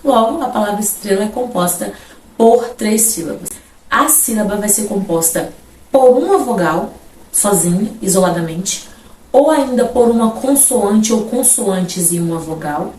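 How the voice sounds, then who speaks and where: A woman teacher, explaining a grammar lesson and repeating example words slowly. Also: mid-range voice, lively intonation, darkish tone. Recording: roomy, from a distance, faint background noise.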